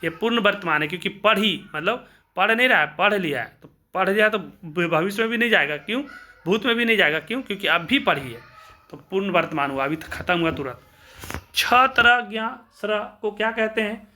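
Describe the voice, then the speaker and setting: A man's voice: high voice, expressive, fairly quick, bright, forceful tone. A man teaching exam questions, asking and answering his own questions and repeating key points.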